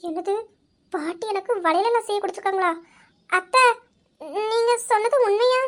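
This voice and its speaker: A tender young daughter-in-law in a family audio drama, voiced by a woman. Her voice is very high and soft, and she speaks with tearful, pleading emotion. She sounds young and vulnerable. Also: steady tone, moderate pace.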